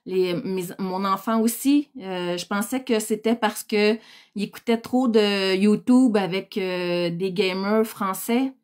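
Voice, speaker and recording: Scolding Quebec French woman, slow-spoken. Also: mid-range voice, darkish tone, clear, resonant tone. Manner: scolding, blunt, exasperated, swears. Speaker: livestream host. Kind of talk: heated livestream rant.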